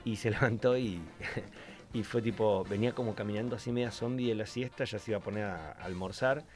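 A man's voice: fairly low pitch, brisk, soft background music. Argentine male voice actor, chatty on-air guest, plays out every voice in his stories. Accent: Argentine Spanish. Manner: animated storyteller, acts out voices in anecdotes. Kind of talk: radio interview chat.

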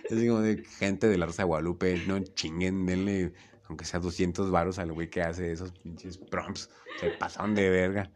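A man's voice: low voice, moderate pace, a crowd in the background. A young man with a Mexican accent telling funny stories in casual chat, laughing and acting out the voices. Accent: Mexican Spanish. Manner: animated, laughing, acts out voices in his stories.

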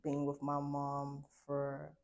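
A Liberian woman in her twenties, who later moved to the United States, shares a candid personal testimony as a guest in an informal, reflective, conversational way, often saying "like." Her voice is low-pitched, gravelly and darkish, and she speaks slowly with a completely flat delivery.

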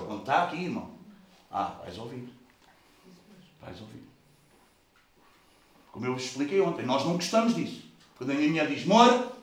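A male pastor with a European Portuguese accent preaching a sermon, lively, swinging from loud bursts to soft asides. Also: medium pitch. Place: large church hall. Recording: very echoey hall, mic at a distance.

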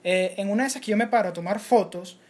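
Venezuelan male co-host, quick animated storyteller, casual chat. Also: high-pitched. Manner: fast, animated retelling with many restarts. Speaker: podcast co-host.

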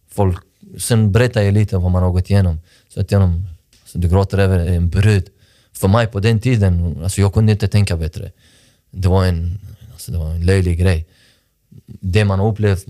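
A man whose warm voice sits low speaks in a clean studio recording with no echo. He's a sports director being interviewed on a podcast, reflecting sincerely on his past and repeatedly restarting sentences, and his first language is something other than Swedish.

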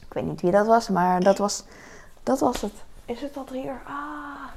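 A woman's voice: a little high, animated, moderate pace, vocal fry, darkish tone, slight background noise. A young adult woman vlogging in casual chat, rambling with lots of fillers and asides. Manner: rambling, frequent fillers and "weet je wel".

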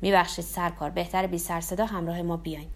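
Keep it soft: woman as a courteous military policeman calming a man down. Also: fairly low pitch, pitched below the performer's own voice. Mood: polite. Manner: polite, soothing, colloquial.

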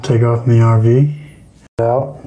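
A man's voice: mid-range voice, fairly even intonation, measured pace, mellow, muffled recording. A man talking as a podcast guest in a boastful, profane, laid-back way. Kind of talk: casual podcast chat.

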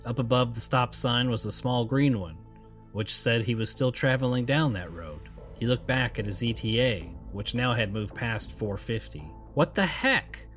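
A man narrating a scary story in a calm, measured voice. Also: medium pitch, faint music behind. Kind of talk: scripted narration.

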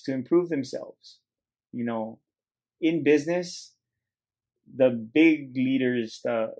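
Addressing his audience as "guys," a solo podcast host delivers motivational talk in an earnest, rambling way, often looping back to restart his ideas. He has a medium-pitched voice with a darkish tone.

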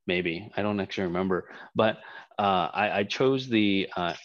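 In a dull, dry lo-fi recording with no echo, a man in his thirties speaks at normal speed in a low voice. Born in Hong Kong and raised in Canada, he is a startup co-founder giving a casual interview with plenty of fillers and restarts.

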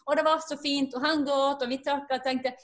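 A woman's voice: high voice, flat delivery. A woman, a guest earnestly telling a personal faith story and acting out the dialogue.

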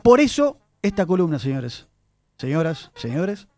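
A man's voice: fairly high pitch, very animated, unhurried, a little mellow, faint music behind. A man presenting a chatty radio segment on word origins, addressing his listeners as he tells the story. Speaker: radio columnist. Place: radio studio.

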